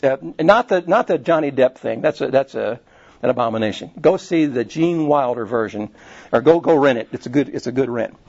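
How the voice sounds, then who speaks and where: Captured on a slightly dull, lo-fi recording, this mid-range, darkish male voice belongs to a pastor preaching. He talks casually and digressively, often breaking off and restarting what he was saying.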